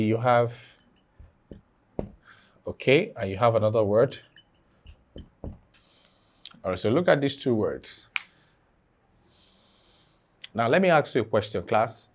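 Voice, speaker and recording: A man teaching an online exam-prep lesson, repeating key phrases and asking the class fill-in questions. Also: mid-range voice.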